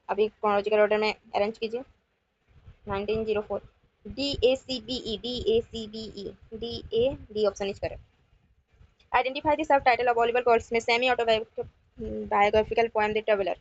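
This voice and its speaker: Woman teacher mixing hindi and english, asks viewers stuff, kinda high voice, dull lo-fi sound. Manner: reads questions slowly, then explains in quick Hindi-English mix. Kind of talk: exam-prep lecture solving past questions.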